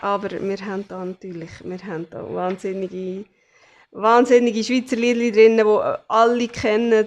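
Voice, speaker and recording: A woman's voice: mid-range voice, darkish tone. A woman with a Swiss German accent, hosting a casual crafting vlog, chatty and full of fillers as she shows her things to the camera. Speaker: craft channel host.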